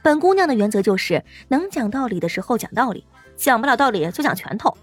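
A man voicing a fierce, sharp-tongued young woman fighter who talks down to thugs with scorn. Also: very high-pitched, sing-song, fast, husky, faint music behind, voice pushed up, full character voice. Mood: scornful. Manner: scornful, bossy.

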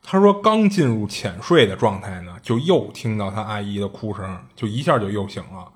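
A man's voice: fairly low pitch, expressive, normal speed, husky. A man casually retelling a strange story, chatty and colloquial, often circling back with little restarts and asides.

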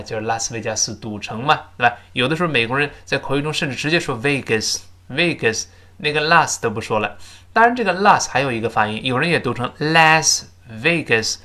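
Lively male English teacher drilling pronunciation. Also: a little high. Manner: models English words slowly and loudly, then explains in Mandarin; patient, repeats drills with "let's read it again". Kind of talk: spoken English lesson, explaining pronunciation and grammar.

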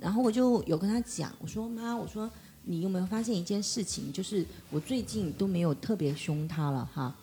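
快语速的女声，生动讲述家常. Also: female voice, medium pitch, a little fast, a little hiss or hum. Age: 30s. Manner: animated storyteller acting out quoted dialogue. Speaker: podcast guest. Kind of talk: casual chat.

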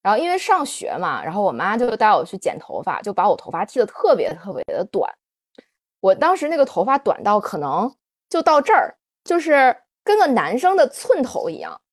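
A woman's voice: mid-range voice, brisk, no echo, studio quality. A woman podcast host sharing a personal story on a livestream, candid and full of fillers. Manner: animated, confessional, many fillers.

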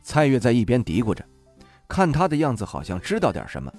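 A man narrating a novel in the first person, wry and expressive. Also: medium pitch, brisk, faint music behind. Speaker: audiobook narrator.

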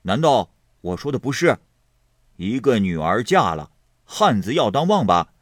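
A man's voice: mid-range voice, very animated, fairly bright tone, no room sound, clean studio sound, voice pushed up, heavily acted. A man playing a blustering boorish rich young man. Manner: hemming with drawn-out pauses. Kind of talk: storytelling.

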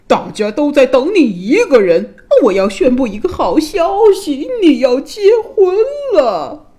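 A woman voicing a loud, greedy and cruel old king who bellows his words. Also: wildly swooping pitch, very slow, exaggerated voice. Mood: bellowing. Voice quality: booming and shouting. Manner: bellowing with harsh laughs.

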